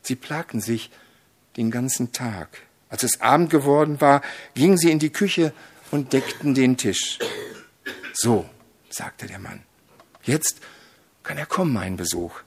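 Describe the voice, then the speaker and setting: A man preaching a sermon, solemn and measured, who swells to loud dramatic emphasis when telling a story. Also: medium pitch, animated.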